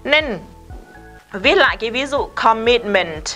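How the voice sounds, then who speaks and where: A woman's voice: on the high side, animated, measured pace, bright, forceful tone, faint music behind. A woman, teaching an English lesson in a casual, emphatic way and often asking her students questions. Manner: chatty, emphatic, talks straight to students with questions.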